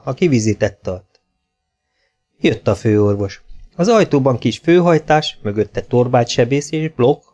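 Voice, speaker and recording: A man narrating a novel as an audiobook reader, in measured storytelling. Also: medium pitch, darkish tone. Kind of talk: scripted narration.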